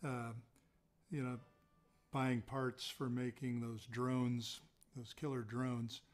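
A man's voice: mid-range voice, level tone, slow. Rambling chatty man on a video call. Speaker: open mic performer. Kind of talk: casual chat on a video call.

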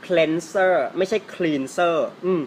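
A man teaching English pronunciation in a casual, playful way, teasing his viewers and stretching out example words slowly. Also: on the high side, fairly even intonation, mellow, a little hiss or hum.

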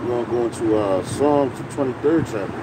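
A man's voice: mid-range voice, moderate pace. A man in his forties preaching on a city sidewalk at night, talking casually with lots of "man" and "you know.". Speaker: street preacher. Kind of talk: street preaching with scripture. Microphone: camera phone close up. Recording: outdoor street noise, traffic.

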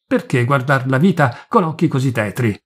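A man voicing a startled gentleman official who speaks in an urgent, reasoning tone. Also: mid-range voice, lively intonation, normal speed, husky. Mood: alarmed.

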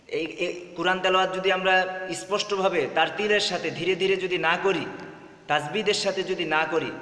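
A man giving an earnest religious lesson, explaining slowly and repeating words for emphasis. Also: on the high side, a bit bright. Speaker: Islamic teacher. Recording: echoey room with long reverb.

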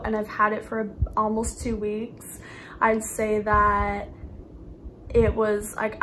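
A woman's voice: mid-range voice, fairly bright tone, slight background noise, rough recording. A woman vlogger with a slight lisp, chatting candidly in a casual video diary. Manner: candid, chatty, many hedging fillers.

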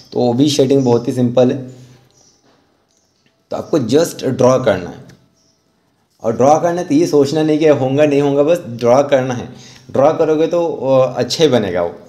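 This is a rangoli art teacher and channel host, a man with an Indian accent and a mellow, medium-pitched voice. He walks viewers through a drawing step by step in a casual, instructional, encouraging way.

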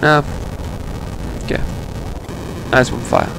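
Taking it slowly, a let's player mutters casual, sarcastic remarks to himself as he plays a video game. There's game music underneath along with background noise.

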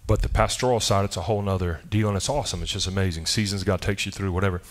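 Man, slightly low voice, animated conversational preacher delivering a sermon, lots of asides and quick restarts. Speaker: pastor. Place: church sanctuary.

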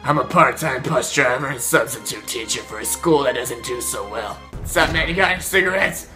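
A man voicing a chain-smoking Batman in a strained, gravelly voice over game music. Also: mid-range voice, lively intonation, brisk, lightly acted. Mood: cranky.

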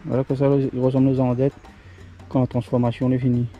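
A middle-aged man with a Réunionese French accent, casually narrating as he digs larvae from rotten wood in a forest, then fries them at home, explaining in a plain, halting way. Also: mid-range voice, completely flat delivery, highs cut off, soft background music. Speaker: outdoor video host. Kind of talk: casual narration while foraging and cooking.

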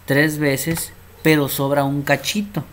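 A man's voice: fairly high pitch, flat delivery, takes it slowly, a bit bright, a little hiss or hum. A man teaching math in a casual way, often checking in with the class and repeating himself. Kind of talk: informal math lesson at a board.

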